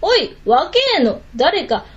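A woman playing a gruff ogre chief. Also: high-pitched, very animated, slow, dull audio, heavily acted. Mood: boastful. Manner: rough, coarse street talk.

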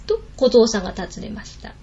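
A woman narrating a folk tale in an animated, dramatic storytelling manner. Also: on the high side, brisk, breathy edge. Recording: lo-fi recording.

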